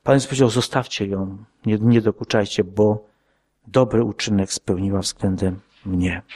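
A man preaching an earnest sermon to his congregation, asking rhetorical questions and dropping his voice low for quoted words. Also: steady tone, moderate pace, darkish tone.

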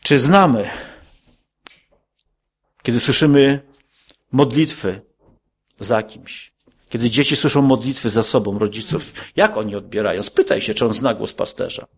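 A man preaches a sermon in a gravelly, husky voice. He keeps putting questions to his listeners and climbs sharply in pitch on his emphatic points. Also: a little slow, pauses often. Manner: questioning, rises to emphatic high peaks.

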